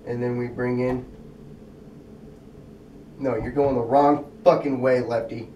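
A man's voice: mid-range voice, little pitch movement, a little slow, highs cut off, a little hiss or hum. Young man vlogging, roomy and distant. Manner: frustrated, swearing, talking to himself while attempting a trick. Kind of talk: casual vlog commentary. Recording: roomy, distant camera sound.

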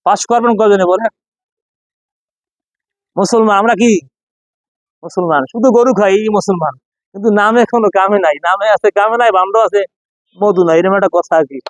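A man leads a Quran pronunciation class. He chants the letter sounds slowly and repeats them, then turns to his students with rhetorical questions. The recording is dry, with no room sound. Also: high-pitched, no room sound, low-quality recording. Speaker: Quran recitation teacher.

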